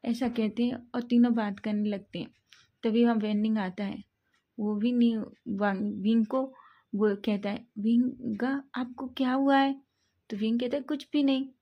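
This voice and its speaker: A woman's voice: fairly high pitch, steady tone, unhurried, lo-fi sound. A woman casually narrating a fan-fiction love story, reading every character's lines in her own voice.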